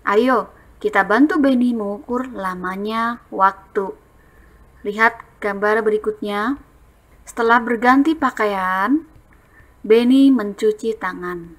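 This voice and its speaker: Slow, patient woman teacher. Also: medium pitch. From Indonesia. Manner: slow, patient explaining, drawn-out words. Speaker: primary school teacher. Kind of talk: recorded lesson for young children.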